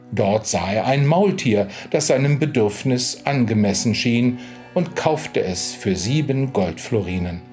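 Ein Mann liest ruhig ein Märchen vor. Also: male voice, medium pitch, darkish tone. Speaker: narrator. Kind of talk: storybook reading.

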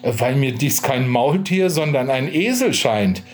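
Ein Mann spielt gerissene, spöttische Wegelagerer. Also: male voice, medium pitch, animated, unhurried, faint music behind, lightly acted. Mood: mocking. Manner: mocking, wheedling. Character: sly male highway rogues.

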